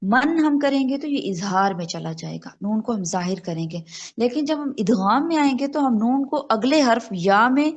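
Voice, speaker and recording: A woman teaching an online Quran recitation class, explaining rules patiently and slowly spelling out examples over a video call. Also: a little high, lively intonation, dull audio.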